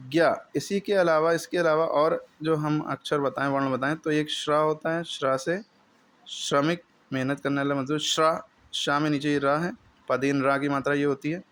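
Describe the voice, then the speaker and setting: A man's voice: a little high, fairly bright tone, smooth. A man teaching the alphabet in a classroom lesson, explaining patiently step by step and drilling each sound for a pupil to repeat.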